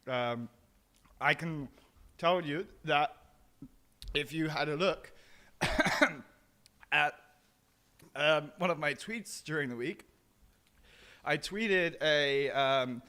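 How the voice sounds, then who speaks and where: A man's voice: fairly high pitch, drawn-out words, long pauses, sharp tone. A man co-hosting a casual chat show while eating hot peppers, his mouth burning from the spice, talking hesitantly with many ums and repeated words. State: mouth burning from spicy food. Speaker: co-host.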